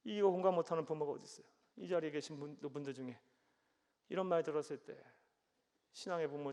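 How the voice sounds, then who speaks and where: A man's voice: fairly high pitch, darkish tone. A man preaching in a church sanctuary, his slightly raised voice carrying a long hall reverb. He preaches with emphasis, acts out the voices of people in the story, and keeps asking the congregation questions. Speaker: pastor. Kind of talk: sermon.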